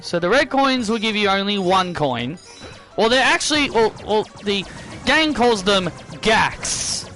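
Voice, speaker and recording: A man's voice: high voice, pushed and bright. A man giving casual video game commentary, often repeating and rephrasing his own phrases. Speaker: gameplay commentator.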